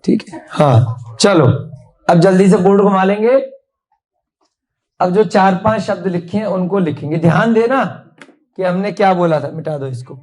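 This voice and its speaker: A woman's voice: medium pitch, normal speed, pauses often, darkish tone. A woman teaching a class, drilling words and asking the pupils questions.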